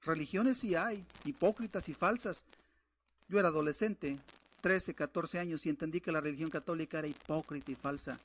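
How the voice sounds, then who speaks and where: Fervent preacher man, high voice. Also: brisk. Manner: fervent, swings from loud exhortation to hushed warnings; reads scripture aloud, direct address to listener. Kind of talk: sermon.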